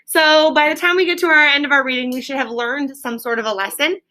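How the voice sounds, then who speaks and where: An elementary school teacher gives a classroom reading lesson to children in a high, quick, bright and forceful voice. She keeps her explanations simple, repeats key words, and prompts her pupils with questions.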